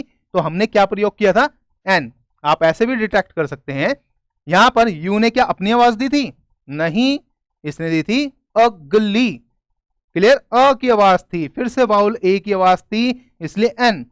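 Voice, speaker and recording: A man teaching grammar in a video lesson, explaining step by step and often checking "clear?". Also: high-pitched, dry recording. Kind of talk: classroom-style video lesson.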